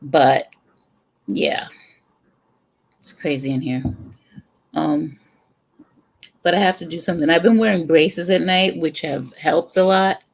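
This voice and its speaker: A middle-aged woman from the Bronx hosts a livestream from a home room with a brick wall, chatting casually with viewers in a New York accent. Her voice is deep and her pace slow, with long pauses as she rambles between sips of her drink.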